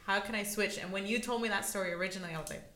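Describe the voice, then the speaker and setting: A podcast host with a mid-range, slightly bright voice talks very fast during a casual interview, encouraging and affirming her guest. The room is echoey.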